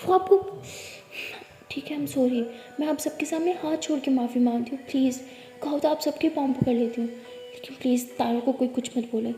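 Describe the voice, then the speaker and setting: A woman's voice: sits high, normal speed, warm tone. A woman voicing a bold young college girl who defends her friend, defiant and pleading, in an echoey room. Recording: echoey room with long reverb.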